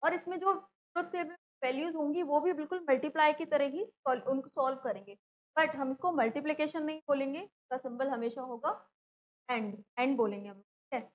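A woman's voice: high-pitched, normal speed, lo-fi sound. A woman, teaching a class and explaining step by step, often asking a question and then answering it herself. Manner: explanatory, asks and answers own questions, frequent "theek hai".

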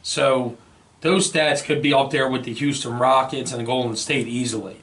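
Speaking with a steady tone at normal speed, this American man has a mid-range, slightly bright voice. He debates sports informally and argumentatively on a podcast, pressing his points hard. It's recorded in a small indoor studio on a boom-arm mic fitted with a foam windscreen.

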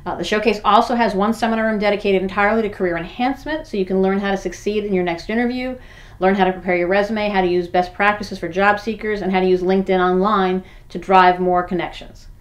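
A woman in her forties promoting a business event to the camera in an upbeat, brisk way, listing the details. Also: medium pitch, steady tone. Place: in front of backdrop.

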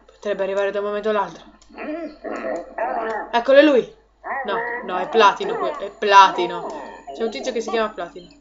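A woman hosting a let's play, chatty and excitable, laughing often and talking to her viewers. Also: medium pitch, brisk, pauses often, crowd noise. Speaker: gaming video host. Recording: lo-fi audio with game music behind. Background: game music.

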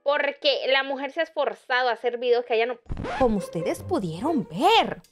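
High-voiced young woman reacting excitedly. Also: moderate pace, music in the background. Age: 20s. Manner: animated, chatty, jumpy exclamations. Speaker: reaction video host. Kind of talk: casual reaction commentary.

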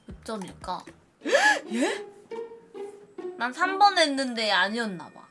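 Streamer type: high, animated woman with a Gyeongsang accent, chatty guesser doing a dialect quiz. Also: fairly quick, soft background music. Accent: Gyeongsang Korean. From Gyeongsang region. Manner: thinks aloud, guesses playfully. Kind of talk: casual quiz commentary.

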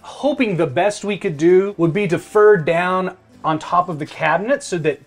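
A man's voice: sits high, normal speed. Easygoing man touring a renovation. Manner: easygoing, explanatory. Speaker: house flipper host. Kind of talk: casual walkthrough chat. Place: house under renovation, indoors. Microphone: lapel.

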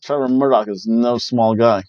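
This wrestling review host, a man in his forties, chats casually from a small home room, keeping things jokey and loose with playful shouts. He speaks at a moderate pace in a steady, mid-range voice with a darkish tone. A webcam-call headset mic captures him with dull, dry, lo-fi sound.

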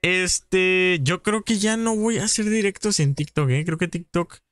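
A man's voice: sits high, fairly bright tone, no echo, studio quality. A man with a Mexican accent hosting a live gaming stream, greeting viewers in a chummy, casual way. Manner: chummy, calls viewers "padrino", rapid greetings. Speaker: gaming livestream host.

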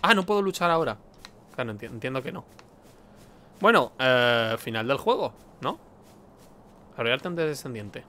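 A young man commenting on his game playthrough, shouting at the screen and reading game text aloud. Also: medium pitch, animated, normal speed, pauses often, slight background noise. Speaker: gaming streamer. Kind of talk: let's play commentary.

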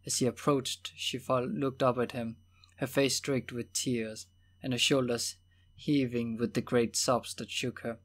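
A man narrating a novel as an audiobook in a steady, measured reading voice. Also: mid-range voice. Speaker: audiobook reader.

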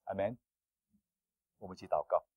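A male pastor preaching a sermon in an animated, playful way, with self-deprecating humor. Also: sits low, normal speed, slightly rough, no room sound, dull audio.

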